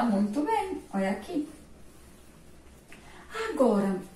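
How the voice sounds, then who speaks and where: A woman teacher from Sergipe in Brazil with a Sergipe accent, giving a remote literacy lesson to young children, slow and patient, praising answers and drawing out syllables. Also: a little high, warm tone. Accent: Sergipe Brazilian Portuguese. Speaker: primary school teacher. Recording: echoey room, voice from a distance.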